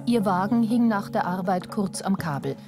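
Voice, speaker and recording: A woman with a standard German accent and a medium-pitched voice reads scripted narration for a television documentary at a normal pace. Background music plays behind her voice.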